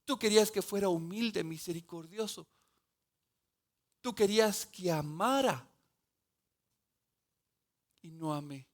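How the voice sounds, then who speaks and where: Slow-preaching man, high voice. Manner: slow, emphatic preaching with rising fervent passages. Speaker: pastor. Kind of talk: sermon. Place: church sanctuary.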